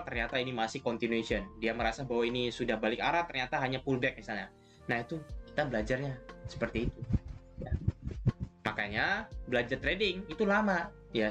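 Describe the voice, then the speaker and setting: A man of ordinary pitch teaches trading in a loose, conversational way, checking in with listeners after nearly every point. Soft music plays faintly behind his voice. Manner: chatty, repeats "ya kan" and "gitu" often. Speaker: trading mentor. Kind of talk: trading lesson.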